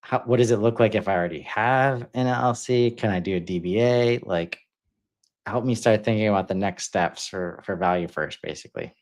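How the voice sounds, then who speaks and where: Deep-voiced hesitant man. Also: brisk, a little mellow. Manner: hesitant, full of fillers. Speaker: podcast co-host. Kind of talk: casual podcast chat.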